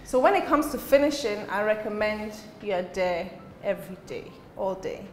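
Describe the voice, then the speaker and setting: A woman's voice: medium pitch, normal speed, a little hiss or hum. A woman in her thirties, from Switzerland and Ghana, chatting relaxedly while showing an apartment. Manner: relaxed, chatty, laughs easily. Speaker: apartment owner giving a tour. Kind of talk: casual chat on a tour. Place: indoor apartment. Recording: echoey room.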